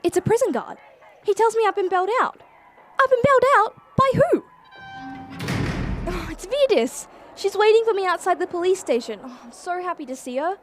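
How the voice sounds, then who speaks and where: Sounding excited and grateful, a female performer with a very high voice plays an earnest, talkative young Australian time traveller, narrating a radio play breezily and confidingly. There's a little hiss or hum in the recording.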